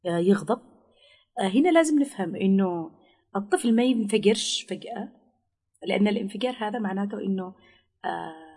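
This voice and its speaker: A woman's voice: medium pitch, animated, fairly quick, pauses often, dark tone, breathy edge. A woman giving parenting advice in an interview, explaining patiently and acting out what parents might say to a child.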